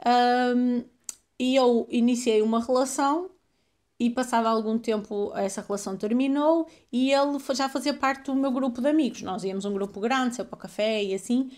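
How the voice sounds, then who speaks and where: A woman's voice: a little high, normal speed, darkish tone. A woman from Portugal with a European Portuguese accent, a deaconess telling her story in a chatty way as an interview guest. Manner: chatty storyteller, laughs easily. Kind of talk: casual interview.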